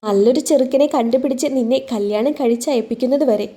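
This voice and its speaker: A woman voicing a young man in a told story, curt at first, then gentle and teasing. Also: fairly high pitch, quick pace, natural voice.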